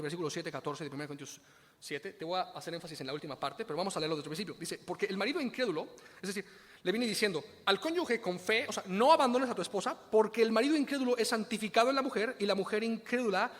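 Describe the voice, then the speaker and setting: A man's voice: sits high, a bit bright, big-room sound. A man with a Mexican Spanish accent preaching a sermon in a conversational way, often asking rhetorical questions.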